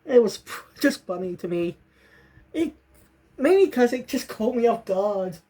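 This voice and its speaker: A woman's voice: fairly high pitch, very animated, a little slow, dark tone, slightly rough. Casual rambling woman reviewing a show. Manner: rambling, self-correcting, bursts into fits of laughter.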